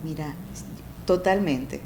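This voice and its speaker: A middle-aged woman with a warm, mellow voice speaks as a family coach in a relaxed interview. She explains step by step, often checks that her listener follows, and acts out parent-child exchanges with lively jumps in pitch. A faint hiss of background noise sits under her voice. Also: slow pace, vocal fry. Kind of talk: conversational interview.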